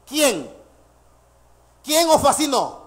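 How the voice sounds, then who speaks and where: A male pastor preaching a sermon, lively and laughing between points, quizzing the congregation with questions. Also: very high voice, drawn-out words.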